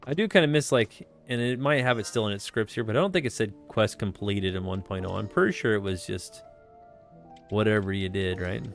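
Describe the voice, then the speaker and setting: A man's voice: lowish voice, fairly quick, creaky, soft background music. A man playing through a game and chatting casually, rambling and swearing freely as he goes. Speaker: game streamer. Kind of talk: casual let's-play commentary.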